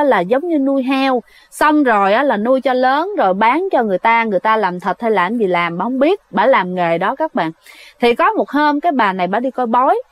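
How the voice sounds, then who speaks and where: A woman's voice: fairly high pitch, no room sound. A woman telling a ghost story in a casual, chatty way, often addressing her listeners directly. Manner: chatty, addresses listeners as "các bạn", many fillers. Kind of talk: casual spoken storytelling to viewers.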